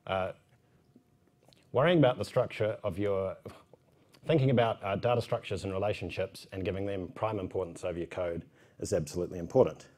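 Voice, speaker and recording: Low-pitched man, broad Kiwi accent. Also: a little fast, darkish tone. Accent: New Zealand. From New Zealand. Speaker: conference speaker. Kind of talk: informal technical conference talk. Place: indoor conference room, at a podium.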